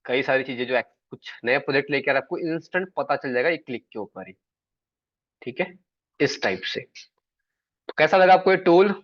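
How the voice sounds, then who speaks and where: A man's voice: mid-range voice, animated, normal speed, long pauses, no room sound. Chatty male sales trainer on a call. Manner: chatty, keeps checking in with the class. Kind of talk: online class teaching. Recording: dull, dry online call audio.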